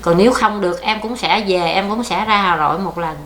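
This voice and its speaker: In an oral history interview, an older woman with a Southern Vietnamese accent tells her life story in a plaintive, rambling way. Her mid-range voice is brisk and fairly bright, captured in an echoey room with faint background noise.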